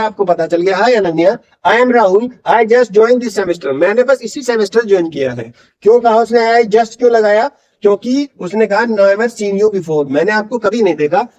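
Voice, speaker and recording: A man teaching spoken English in Hindi, slowly modelling English phrases for learners to repeat. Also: high voice, recorded from a distance, dull audio.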